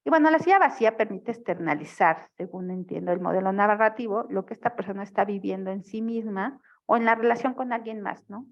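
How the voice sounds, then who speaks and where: A woman teaches a family therapy class online, explaining the material and often checking in with her students through questions. Her mid-range voice is brisk, with hardly any pauses, and the recording is lo-fi.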